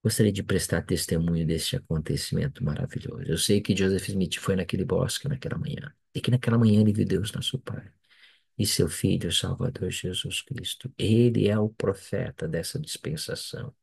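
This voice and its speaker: A deep, gravelly male teacher speaks slowly and earnestly through a religious class. His voice is husky and very low. The recording is dry and close. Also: darkish tone, no room sound. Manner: earnest, slow and deliberate, with frequent "né" and "ok". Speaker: seminary teacher.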